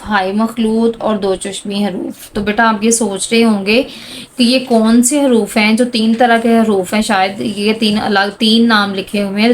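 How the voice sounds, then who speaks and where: A woman teaching a handwriting lesson to children, speaking slowly and patiently and calling out each letter sound as she writes. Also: mid-range voice, a little hiss or hum. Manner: slow, patient, addresses students as "beta"; calls out letter sounds one by one while writing.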